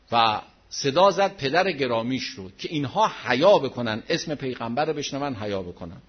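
A man preaching a dramatic religious story, rising to loud outcries and dropping to hushed low passages. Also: husky. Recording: dull lo-fi recording.

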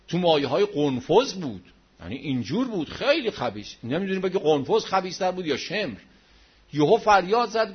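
A man preaching a dramatic religious story, rising to loud outcries and dropping to hushed low passages. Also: slightly rough. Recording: dull lo-fi recording.

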